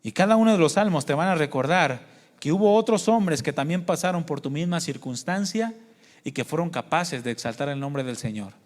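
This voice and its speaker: A man preaches earnestly to a congregation, his fairly high voice carrying through a church hall with a long reverb tail. He shares his own testimony and asks the listeners questions, calling them brothers and sisters. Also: animated, brisk. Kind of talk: sermon.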